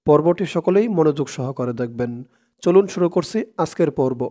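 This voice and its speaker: A man with a Bangladeshi Bengali accent teaching Quran reading, chanting verses slowly and then breaking the words into syllables. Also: fairly high pitch, lively intonation, dark tone. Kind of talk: slow step-by-step recitation lesson.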